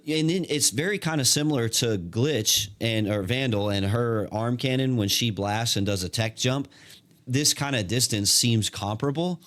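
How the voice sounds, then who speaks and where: A man giving casual, excited gameplay commentary, full of slang, fillers and restarts. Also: mid-range voice. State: hiccuping. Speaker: gaming content creator.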